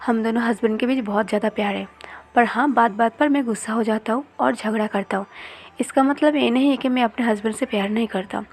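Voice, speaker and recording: A woman's voice: a little high, fast, husky. A woman voicing a hot-tempered married young man who teases and defends himself. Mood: defensive. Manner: teasing and defensive.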